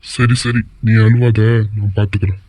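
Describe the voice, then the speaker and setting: A performer voicing a worried, protective middle-aged father in an animated cartoon, asking alarmed questions and growing indignant. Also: mid-range voice, normal speed, slight background noise, close to an everyday voice.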